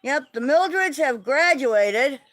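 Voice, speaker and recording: Woman, livestream host, high voice, unhurried, cooing baby talk, outdoor farm, phone mic. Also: animated, fairly bright tone, no echo. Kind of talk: casual livestream chat.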